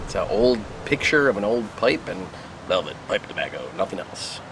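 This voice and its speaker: A man giving a casual, unhurried review to camera outdoors, musing and trailing off as he puffs on a pipe. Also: on the low side, very animated. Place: outdoors in the wind. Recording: noisy outdoor recording with wind and traffic.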